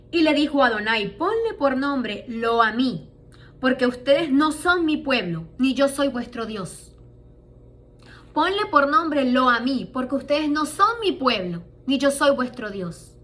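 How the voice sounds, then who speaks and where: A woman's voice: sits high, a bit bright, a little hiss or hum. A woman preaching a sermon, asking rhetorical questions and reading scripture with emphasis.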